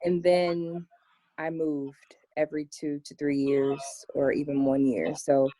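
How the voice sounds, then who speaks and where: A young American woman answering interview questions in a relaxed chat, with plenty of "um" and "like". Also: deep voice, a little slow, no echo. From United States. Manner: chatty, many "um" and "like" fillers. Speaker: interview guest. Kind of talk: casual interview.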